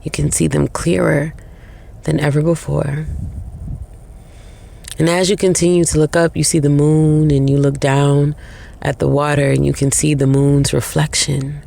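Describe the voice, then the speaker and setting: A woman leads a meditation with short, unhurried phrases separated by long pauses. Her low-pitched voice is dark and relaxed, crackling with heavy vocal fry, and she stays soothing the whole way through.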